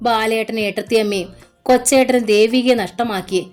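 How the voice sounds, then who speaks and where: A woman's voice: on the high side, a little fast, a little mellow, soft background music, lightly acted. A woman voicing a grief-stricken young man who blames himself, speaking in a sobbing, lamenting way. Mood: anguished.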